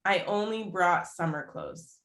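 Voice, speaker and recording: A woman's voice: lowish voice, big pitch swings, measured pace, fairly bright tone. A woman co-hosting a podcast in casual chat, agreeable and chatty, often answering with short yeahs. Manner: agreeable, chatty, backchannels a lot. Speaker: podcast co-host. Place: room in the United States. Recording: roomy echo.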